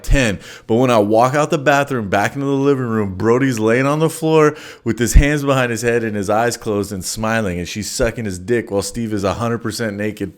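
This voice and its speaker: A man telling a story in a casual monologue, crude and profane, rambling with lots of fillers. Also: medium pitch.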